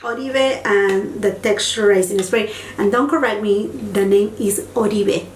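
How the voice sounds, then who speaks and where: A beauty vlogger, native in Spanish, raves about products in a relaxed review, speaking a little slowly in a mid-range voice. She sits far from the mic in an echoey space with a faint hum, and she enthusiastically repeats words to stress them.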